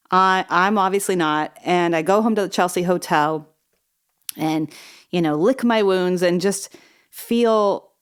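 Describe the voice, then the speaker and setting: A woman hosting her own podcast, telling a personal story in a chatty, self-deprecating way that wanders off on tangents, slightly wheezy from asthma. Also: on the low side. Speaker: podcast host.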